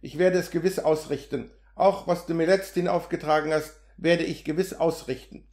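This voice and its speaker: Barnabas, a man reading a gentle messenger. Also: fairly high pitch, normal speed, natural voice. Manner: gentle, calm and unruffled. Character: meek young male village messenger. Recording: roomy echo.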